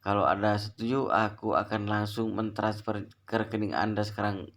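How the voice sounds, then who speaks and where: A man's voice: lowish voice, steady tone, normal speed, a bit bright. A man voicing a frightened young rich heir who begs and stammers. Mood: begging. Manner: pleading, stammering.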